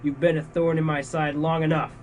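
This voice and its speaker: A young man with a fairly high voice reads a silly homemade story to his friends, breaking into laughter now and then. He sits back from the microphone, so the voice sounds distant, with a faint hiss underneath. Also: little pitch movement, fairly quick. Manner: giggles through his own reading, shouts the dialogue. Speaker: podcast co-host reading a comic story. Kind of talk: casual chat and comic story reading.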